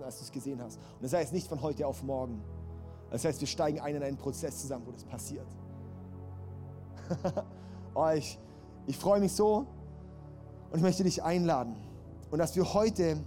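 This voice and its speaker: Passionate preacher, mellow voice. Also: male voice, on the high side. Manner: passionate, rising to emphatic calls with repeated phrases. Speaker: pastor. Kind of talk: sermon.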